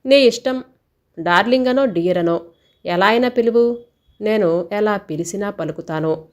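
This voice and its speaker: A woman's voice: mid-range voice, normal speed, close to an everyday voice. A woman voicing a playful, confident young male suitor in a teasing, self-assured way.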